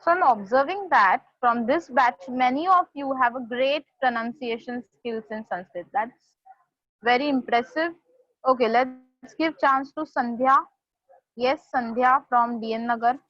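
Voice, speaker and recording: A woman teaches a class at a very slow, careful pace, taking her time over each sound. Her voice sits fairly high, dry and close, and the recording is dull and lo-fi. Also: no room sound. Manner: slow, deliberate, spells out pronunciation. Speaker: Sanskrit tutor. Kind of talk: online class lecture mixing Hindi and English.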